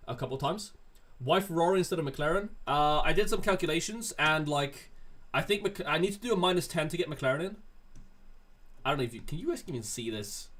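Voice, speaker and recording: Speaking in a mid-range, slightly bright voice, a laid-back Swedish streamer goes through his chat. He reads viewers' questions aloud and answers them.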